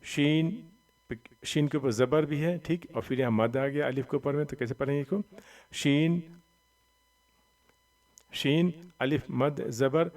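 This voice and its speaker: Male reading teacher, unhurried, drags out each syllable, checks in often, voice heard from a little distance. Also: on the high side. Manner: spells out letters slowly and loudly, then explains quickly and softly; often checks with "theek hai?". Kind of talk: slow step-by-step recitation lesson.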